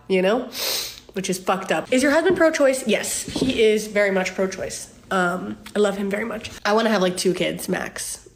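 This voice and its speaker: A woman in her twenties, a social media creator, answers fan questions to her phone in a loose, candid chat with frequent ums and laughs. Her voice is mid-range, and the recording carries a little hiss or hum.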